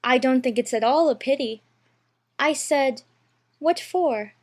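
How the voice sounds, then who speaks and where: A man's voice: extremely high pitch, unhurried, pitched above the performer's own voice. A man voicing a polite but bold young girl in a storybook reading.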